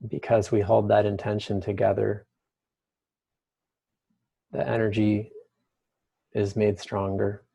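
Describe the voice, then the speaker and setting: A man leading a guided meditation with the slow, hushed delivery of a mystical healer. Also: lowish voice, little pitch movement, vocal fry, slightly rough.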